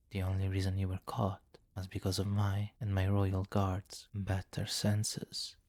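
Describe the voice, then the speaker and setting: In an intimate ASMR fantasy roleplay, a man plays a possessive, commanding vampire king, speaking formally and deliberately with courtly, doting authority. His voice is low and darkish, and he sounds amused and smug.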